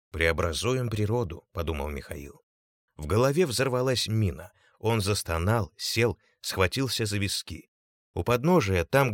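Low-voiced male audiobook narrator. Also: dry recording, studio quality.

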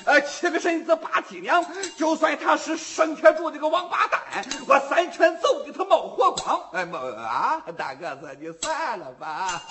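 A shrewd, mocking old man mutters and wheedles in a hushed, lowered voice, as a male storyteller puts him on. The storyteller's bright, very high timbre still rings through the mumbling, and the part is performed as traditional storytelling. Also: lively intonation, normal speed, few pauses, exaggerated voice. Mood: scolding.

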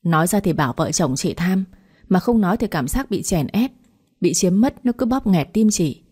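A woman reading an audiobook story aloud in a steady, earnest manner. Her voice sits low and sounds warm and mellow. It has a husky edge. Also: moderate pace.

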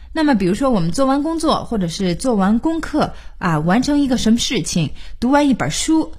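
Husky-voiced woman teaching English on radio. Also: fairly high pitch, darkish tone. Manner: patient, spells words letter by letter. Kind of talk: studio radio lesson. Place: radio studio.

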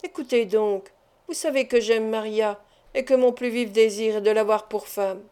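A woman's voice: on the high side, moderate pace, dark tone, clear, resonant tone, lightly acted. A woman reading the part of a scheming man who presses his suit and threatens revenge. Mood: insistent. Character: scheming vengeful Spanish male suitor. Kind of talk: audiobook character reading.

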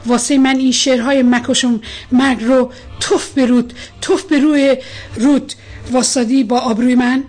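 In a storybook reading, a woman with a high, steady voice plays a stern older male colonel. He is angry, shouting and scolding his daughter.

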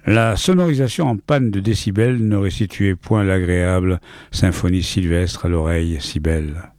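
A man's voice: low-pitched, moderate pace, a little mellow, no echo. A man reading a short story aloud, with a rhythmic, playful delivery that leans into wordplay.

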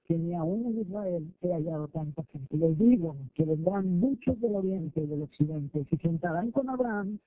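A male pastor, preaching a lively sermon, acting out quoted voices and asking listeners questions. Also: high-pitched, normal speed, few pauses, dry recording, faint music behind. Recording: tinny phone-like, dry sound.

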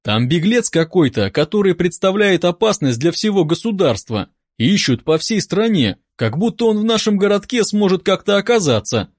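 A man's voice: sits high, big pitch swings, normal speed, hardly any pauses, dry recording, clean studio sound. A man doing a chatty young small-town cop. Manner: talkative, gossipy, jokey.

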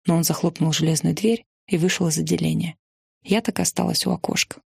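Gravelly, husky woman reading a memoir. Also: sits low, fast talker, dry recording, clean studio sound. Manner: steady, earnest storytelling. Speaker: narrator. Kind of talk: first-person memoir reading.

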